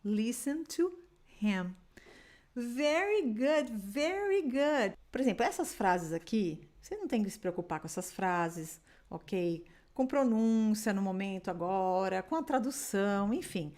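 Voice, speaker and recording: A woman from Brazil teaching an English lesson in Portuguese, patiently drilling words slowly for the listener to repeat. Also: mid-range voice, lively intonation, darkish tone. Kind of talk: online language lesson.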